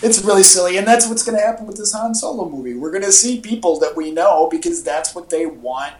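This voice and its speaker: On a podcast with echoey room audio, a male co-host talks casual pop culture informally, like an enthusiastic fan. His voice is high-pitched, animated and brisk, with a darkish tone.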